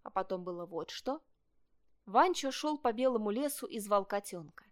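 A woman reading a children's story aloud, narrating in a lively, expressive way. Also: medium pitch, normal speed.

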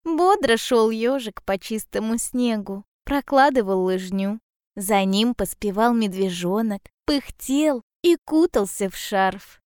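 Woman reading a fairy tale, slow and calm, bit high, dry close sound. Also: clear, resonant tone, dry recording. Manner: calm, measured storytelling. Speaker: storyteller.

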